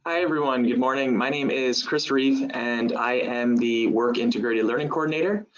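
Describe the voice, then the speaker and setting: Guy saying a quick polite hello on a webinar, muffled call audio. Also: medium pitch. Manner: brief, polite. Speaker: program coordinator. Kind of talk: webinar introduction. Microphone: video call.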